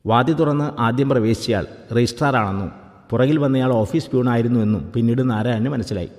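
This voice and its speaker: A man reading a story aloud in a calm, even storytelling manner. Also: medium pitch, fairly quick, big-room sound. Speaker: narrator. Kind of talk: scripted story narration.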